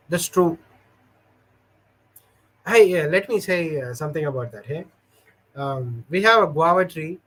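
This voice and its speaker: On a rough recording, a male livestream host with a high-leaning, fairly bright voice chats casually with his audience. He reads their comments and spins stories in a rambling, halting manner packed with fillers.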